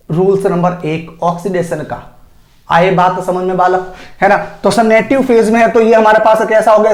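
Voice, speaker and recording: A man lectures on chemistry in a fairly high voice. He keeps firing questions at his students and answering them himself, with everyday comparisons. The sound is roomy and echoey. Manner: homely Hindi analogies, calls students sir. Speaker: chemistry teacher. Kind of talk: classroom lecture. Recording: echoey room.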